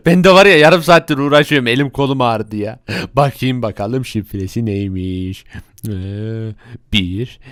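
A man's voice: mid-range voice, fairly bright tone, clean tone, no room sound, clean studio sound, pitched below the performer's own voice, natural voice. A man doing a dim, clueless henchman. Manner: slow, clueless, fumbling. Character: dim, eager young male thief henchman.

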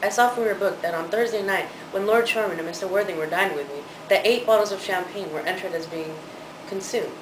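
A young man in an amateur play, acting an idle, witty, smug young gentleman in formal, measured speech. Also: high voice, natural voice. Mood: haughty curiosity. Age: teenager to young adult. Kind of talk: amateur stage-play acting for a student project. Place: large living room, indoors. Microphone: camera a few metres away. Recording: echoey, noisy room from camera distance.

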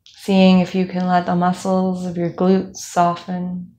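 A young woman instructor leading a calm guided body scan meditation, speaking slowly with soft fillers. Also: fairly low pitch. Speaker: movement instructor.

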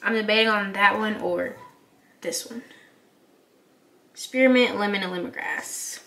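A woman in her twenties, nasal and congested from a cold, rambles chattily with lots of fillers for her hair care vlog. Her mid-range voice is unhurried, creaky, pushed and bright, recorded by a phone or camera on the counter of a small bathroom.

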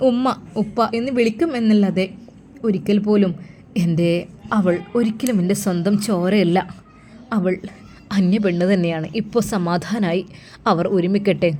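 Woman doing young man musing to himself, slow and reflective, storybook. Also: medium pitch, dark tone, slight background noise, natural voice. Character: young man, brooding and self-searching.

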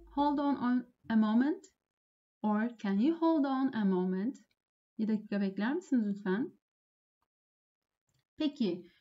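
A woman English teacher giving a lesson, saying each phrase slowly and then translating it. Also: on the high side, dark tone, highs cut off. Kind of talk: lesson explaining phone phrases.

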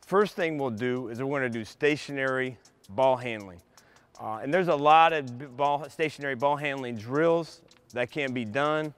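A middle-aged man coaching basketball, calmly explaining drills step by step to young players in a large empty indoor arena. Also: mid-range voice, normal speed, clean tone. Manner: patient step-by-step explaining to kids. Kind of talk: instructional clinic demonstration.

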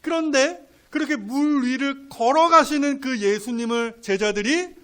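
A male pastor preaching a sermon, swinging between soft, casual asides and loud, drawn-out emphatic lines. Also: very high voice. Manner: colloquial, playful asides.

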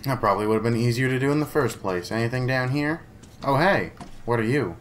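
A man's voice: medium pitch, lively intonation, a little fast, a little hiss or hum. Chatty man narrating his gameplay. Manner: chatty, talks to himself and to game enemies; playful, jokey asides. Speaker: let's play gamer. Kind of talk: casual gameplay commentary.

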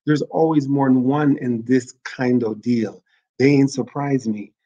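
A man's voice: mid-range voice, fairly even intonation, measured pace, dark tone, natural voice. Fearless older village man, serious and insistent, read aloud by a male host; everyday voice, dull lo-fi sound.

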